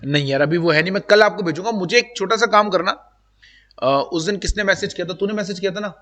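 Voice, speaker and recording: A male teacher with a notably high voice, lecturing to a room of students. He talks to them directly and chattily, dropping English terms into his speech. The room rings with a long, lingering reverb. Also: fast talker, a bit bright. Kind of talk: live classroom lecture. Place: classroom with students.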